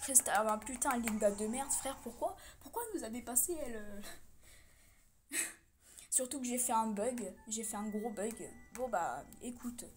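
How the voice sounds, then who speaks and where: A young woman casually commentating her own pet game, cheering loudly at her virtual dog and swearing when she loses. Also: fairly high pitch, moderate pace, soft background music. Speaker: gaming vlogger.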